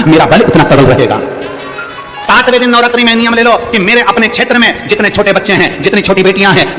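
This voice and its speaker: Impassioned male preacher in echoing hall. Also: high-pitched. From India. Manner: impassioned, rhetorical, repeats phrases and calls on the crowd. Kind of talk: devotional sermon with sung verses. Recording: echoey hall with long reverb and music.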